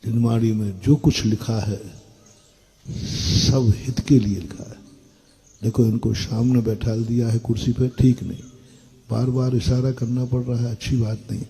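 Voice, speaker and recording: A man's voice: medium pitch, steady tone, a little slow, vocal fry, warm tone, slightly rough, rough recording. An older man preaching a sermon to an audience, blunt and scolding, asking his listeners questions. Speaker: Jain monk preacher.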